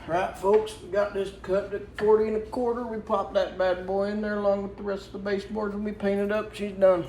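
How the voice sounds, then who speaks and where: A man's voice: medium pitch, normal speed, background noise, close to an everyday voice. A man putting on a folksy, slangy handyman character with a made-up drawl as a joke during a home project. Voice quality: drawling, slangy, put-on accent. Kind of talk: joking character bit in a DIY vlog.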